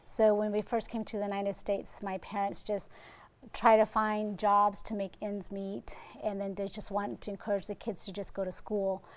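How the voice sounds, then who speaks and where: A woman's voice: mid-range voice, level tone, normal speed. A woman in her forties from Vietnam, speaking as a guest ophthalmologist on a TV interview. She talks earnestly and with determination, dropping a filler here and there. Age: 40s. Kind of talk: TV interview answers.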